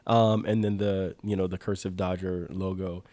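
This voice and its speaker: Talking sports uniforms on a podcast, this young co-host sounds enthusiastic, constantly saying "like" and restarting his sentences. He has a low, warm voice with little pitch movement at a moderate pace, and there's no room sound.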